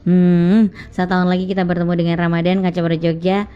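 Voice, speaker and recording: A woman's voice: lowish voice, little pitch movement, fast talker, clear, resonant tone. A woman hosting a radio show, chatting casually and signing off with bits of English. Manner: chatty, mixes in English sign-offs. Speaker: radio host. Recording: dull lo-fi radio sound with faint music.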